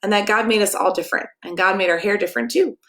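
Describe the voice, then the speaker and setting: At a medium pitch and a fast pace, a middle-aged American pastor reads expressively to children in a playful, sing-song way. She chats with them directly as part of story time.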